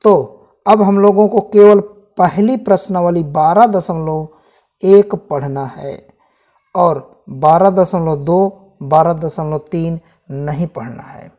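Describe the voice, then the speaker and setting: A man speaks slowly and mellowly, his voice on the high side, as he walks viewers through a maths syllabus chapter by chapter in a casual lesson. He repeats each item and calls the audience friends, and the sound is lo-fi.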